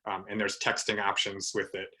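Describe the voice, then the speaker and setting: A man's voice: on the low side, completely flat delivery, brisk, pushed and bright, rough recording. A man hosting a video meeting on special education, talking in a friendly, encouraging way with fillers. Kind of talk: casual video meeting talk. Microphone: video call.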